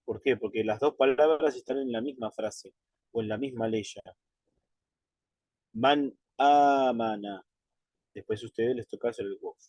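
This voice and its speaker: A man teaching Quran recitation in an online lesson, patient and methodical, checking in with his students and slowing right down to model drawn-out pronunciations. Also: fairly low pitch, fairly even intonation, darkish tone, slightly rough, no room sound.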